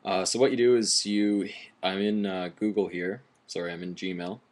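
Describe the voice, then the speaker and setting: Low-voiced young man chatting through a demo. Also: steady tone, normal speed. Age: 20s. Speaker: gadget reviewer. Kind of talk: casual demo chat to camera. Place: small room at home, indoors. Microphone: webcam at arm's length.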